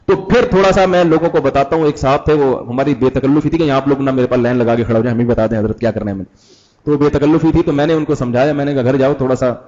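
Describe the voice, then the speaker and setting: A man's voice: medium pitch, steady tone, few pauses, a little mellow. A man preaching a sermon, chatty, putting questions to the audience and acting out examples. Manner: conversational, asks the audience questions, acts out examples. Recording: dull lo-fi old audio.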